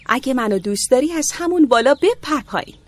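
A woman voicing a playful, self-assured young woman in an audiobook drama, in a lively, teasing way. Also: sits high. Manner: lively, teasing, a little bossy. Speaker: voice actress in an audiobook.

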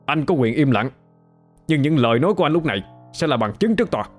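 A man's voice: fairly high pitch, very animated, fast talker, faint music behind, voice pushed up. A man doing a stern, formal police officer. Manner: firm, formal. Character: stern male police officer making an arrest.

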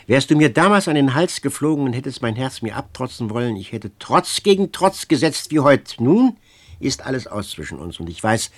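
A man's voice: lowish voice, slightly rough, dry recording, exaggerated voice. A man doing a stern, resigned man. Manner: stern, measured, firm. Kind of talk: audiobook reading.

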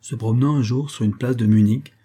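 A man reading a tale as an audiobook in a measured, steady way. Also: medium pitch, breathy edge. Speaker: audiobook reader.

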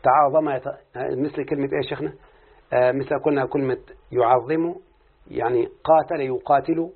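This Egyptian-accented man has a medium-pitched, steady, slightly rough voice and talks fast. As a student in an Arabic morphology lesson, he answers questions step by step and keeps confirming with his teacher, all on a tinny, phone-like recording.

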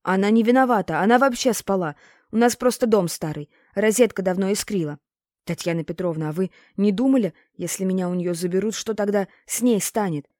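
A woman's voice: medium pitch, a little fast, a little mellow, no echo, clean studio sound, lightly acted. A woman voicing a stubborn, hurt young boy who talks earnestly and defensively in an audiobook. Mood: pleading.

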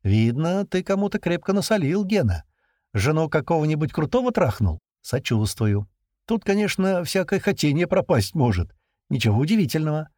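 A man's voice: fairly high pitch, big pitch swings, moderate pace, darkish tone, no echo, clean studio sound, voice pushed up. A man reading aloud and voicing a naive, chatty young woman who pleads and takes offence easily. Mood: hurt.

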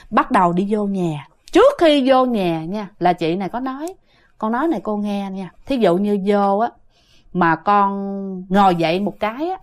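High-voiced woman telling ghost stories. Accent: Southern Vietnamese. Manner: lively, dramatic, addresses listeners. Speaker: ghost story narrator. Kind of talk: casual storytelling to listeners.

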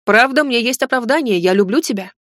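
A woman voicing a tender, nervous young man in an audiobook, earnest and gentle. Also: fairly high pitch, lively intonation, brisk, no echo, clean studio sound. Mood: sheepish. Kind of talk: audiobook character reading.

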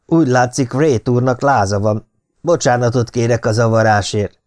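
A man's voice: fairly low pitch, little pitch movement, mellow, natural voice. A man voicing a stiff, formal male secretary in an audiobook. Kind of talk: audiobook character reading.

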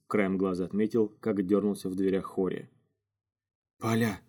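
A man narrating an audiobook in a steady, measured reading. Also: deep voice. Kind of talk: scripted narration. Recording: faint music underneath.

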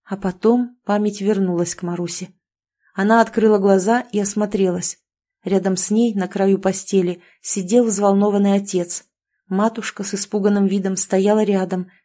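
Woman narrator, audiobook reading, mellow dark voice, mid pitch, steady.

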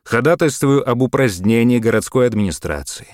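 A confident young man lays down his terms coolly and deliberately, as a male reader puts him on. His tone is stern and measured and a bit above the reader's own. The sound is dry and intimate. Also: medium pitch, lively intonation, a little mellow, dry recording, voice pushed up, natural voice.

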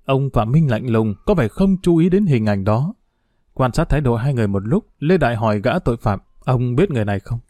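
A man narrating a story in an even, somber storytelling manner. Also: mid-range voice, brisk, dry recording, studio quality.

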